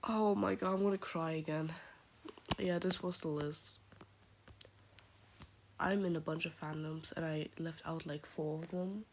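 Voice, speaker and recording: A woman who is sick and keeps her voice quiet, rambling and gushing about favorite characters in a casual vlog, often dropping into a half-whisper. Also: sits low, fairly even intonation, measured pace, long pauses, background noise. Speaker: vlogger. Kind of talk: casual fandom chat.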